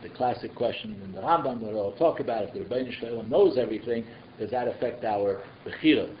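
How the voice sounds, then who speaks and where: A man's voice: medium pitch, fast. A man with giving an informal religious class, asking rhetorical questions and slipping in conversational asides. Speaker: rabbi giving a Torah class. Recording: echoey, muffled room recording with noise.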